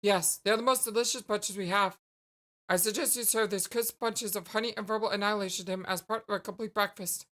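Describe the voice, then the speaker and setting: A woman's voice: mid-range voice, steady tone, brisk, a bit bright, lightly acted. A woman voicing a witty, haughty girl in a game, speaking in dry, pompous, elaborate sentences. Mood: smug. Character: witty, haughty, sardonic girl with an analytical streak.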